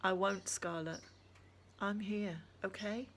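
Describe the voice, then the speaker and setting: A woman reading the lines of a calm, patient adult woman who speaks softly and reassuringly. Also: medium pitch, takes it slowly, slight background noise.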